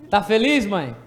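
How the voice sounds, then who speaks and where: A man with a Brazilian Portuguese accent preaching an animated, jokey sermon in a church, directing people from the pulpit to act out a story. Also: high-pitched. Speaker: pastor. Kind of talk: lively sermon with congregation re-enactment.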